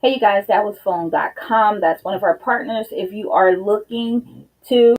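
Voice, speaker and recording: Slightly breathless woman, mellow husky voice. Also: medium pitch, moderate pace, rough recording. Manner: chatty, addresses viewers directly with "you guys". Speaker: business consultant hosting a live show. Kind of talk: casual live-stream talk.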